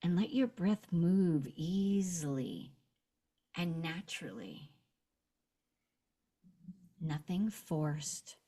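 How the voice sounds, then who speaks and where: In a low, mellow voice with a breathy edge and lively intonation, a woman leads a meditation. She talks gently and very slowly, in short phrases separated by long pauses, walking the listener through a visualization.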